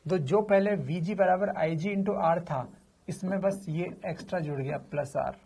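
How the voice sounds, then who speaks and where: Gravelly, husky male physics teacher. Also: high-pitched, moderate pace, warm tone. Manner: chatty, asks questions and answers them himself; addresses students familiarly, slips in slang. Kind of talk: informal classroom lecture.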